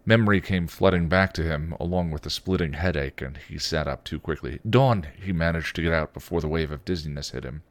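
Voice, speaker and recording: Deep-voiced man narrating a story. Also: brisk, hardly any pauses, no room sound. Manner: expressive, occasional slips. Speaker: podcast host reading fan fiction. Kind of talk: read-aloud story narration.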